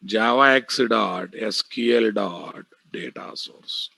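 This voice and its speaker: A man's voice: fairly low pitch, slow, creaky, bright, forceful tone, dry recording. A man with an Indian Telugu accent teaching a live online programming class, bluntly addressing students and repeating key phrases. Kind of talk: live online technical lecture.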